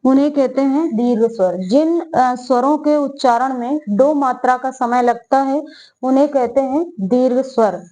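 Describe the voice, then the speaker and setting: A woman gives a slow, careful grammar lesson in a fairly high voice. She repeats her phrases, asks questions and answers them herself, and stretches out vowel sounds whenever she demonstrates them. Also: dark tone, poor audio. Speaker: Hindi teacher. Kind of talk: exam-prep grammar lesson.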